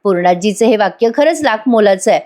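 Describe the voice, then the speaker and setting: A woman's voice: mid-range voice, expressive, brisk, darkish tone. A woman recapping a TV serial episode in a chatty voice-over, addressing viewers directly. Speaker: TV serial reviewer.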